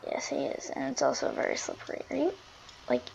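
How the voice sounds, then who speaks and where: A woman with a fairly high voice talks her way through a game in casual running commentary. She often seems to address herself, moving between muttered asides and louder outbursts. The microphone sounds slightly dull and lo-fi. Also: huge pitch swings, brisk, vocal fry, a little hiss or hum. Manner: chatty running commentary, often talking to self; volume swings from muttering to loud exclamations.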